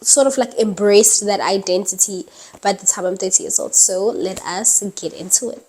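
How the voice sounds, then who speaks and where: An early-20s woman vlogs casually to the camera at night, indoors under dim light, filling her chatter with "um" and "like" and light laughter. Her mid-range voice moves at normal speed with a darkish, breathy tone, and the recording quality is poor.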